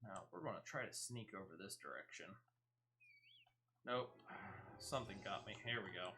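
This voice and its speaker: There's a little hiss or hum under this game streamer's fairly low, bright, forceful voice, which has lively intonation and a normal pace. He casually talks through what he's doing step by step, offering tips as he plays.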